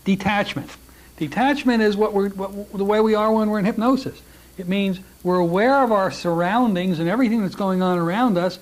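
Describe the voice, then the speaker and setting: A middle-aged man with a slightly raised voice lectures a hypnosis class in a relaxed, joking way. He talks straight to the students, often restarting his sentences. The sound is from a plain classroom. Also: high voice, a little fast. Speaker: hypnosis instructor.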